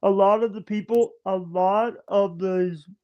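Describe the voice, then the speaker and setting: This is a casual video-call chat with a livestream guest, a man in his thirties whose high voice keeps a steady tone. He stammers and restarts, speaking in halting bursts, and the stream's audio is dull and lo-fi.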